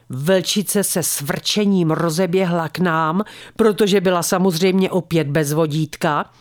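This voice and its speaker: A woman reading a first-person story aloud in a calm, measured way as the storyteller of a weekly show. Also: medium pitch, no echo, clean studio sound.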